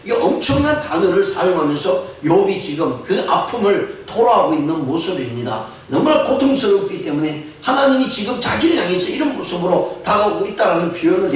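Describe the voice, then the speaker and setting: A man's voice: high-pitched, slight background noise. A man preaching an early-morning sermon as pastor, earnest and building emphasis on key phrases. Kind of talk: dawn prayer sermon. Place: church sanctuary. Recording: very echoey room, mic at a distance.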